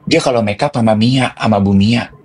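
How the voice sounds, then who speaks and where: Seorang pria mengobrol santai dan bergosip sebagai pembawa acara, dengan gaya menggoda. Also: male voice, lowish voice, a little fast, husky. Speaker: co-host. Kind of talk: casual gossipy chat.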